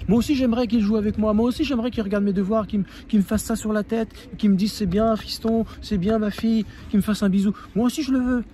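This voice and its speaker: A man's voice: high-pitched, fairly even intonation, fast talker, few pauses, dark tone, a little hiss or hum, pitched above the performer's own voice, natural voice. A man voicing a hurt child who pleads for a parent's attention, repeating his wishes. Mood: longing.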